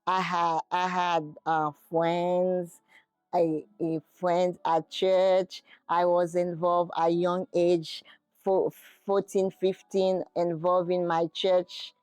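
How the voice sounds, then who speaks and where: Her voice is lowish, smooth and a little mellow, with a flat delivery and a slow pace. This middle-aged woman from Haiti speaks English as a non-native, her first languages being Haitian Creole and French, and she answers casual interview questions hesitantly, groping for words in a Haitian accent. The recording is dry.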